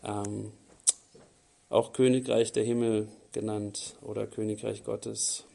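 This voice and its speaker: A man's voice: fairly low pitch, little pitch movement, slow pace, creaky, dark tone. A man preaching a sermon, who reads scripture aloud and then comments on it casually, repeating words for emphasis. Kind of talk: sermon reading and explaining scripture.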